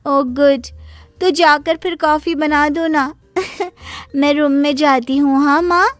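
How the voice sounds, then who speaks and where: A woman's voice: sits high, steady tone, slow, no echo. A woman voicing a spoiled, lazy young daughter in a cartoon story, talking in a whiny, careless way.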